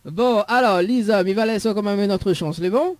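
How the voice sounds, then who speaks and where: High-voiced teasing radio host with a Réunion accent. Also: male voice, normal speed, darkish tone, no echo. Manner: teasing, joking, laughs often. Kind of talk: live call-in radio game.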